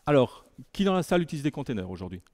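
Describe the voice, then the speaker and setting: Speaking in a meeting room before an audience, this conference speaker delivers a tech talk in Belgian French tones from the area near Lille and the French border. His mid-pitched, mellow voice is very animated, yet he halts often, filling pauses, restarting, and poking fun at himself.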